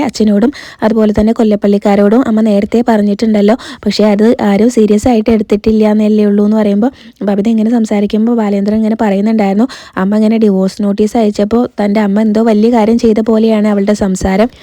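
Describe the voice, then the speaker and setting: A woman's voice: medium pitch, warm tone, no echo. A woman casually retelling a TV serial episode, quoting the characters' lines and dropping frequent filler tags. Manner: retells dialogue in quotes, frequent "kētto" tag fillers. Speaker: serial recap host.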